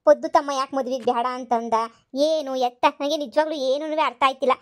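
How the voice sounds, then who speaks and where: A woman's voice: sits high, steady tone, brisk, close to an everyday voice. A woman voicing a stubborn older village mother-in-law who scolds and repeats herself. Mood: confused. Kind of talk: cartoon voice acting.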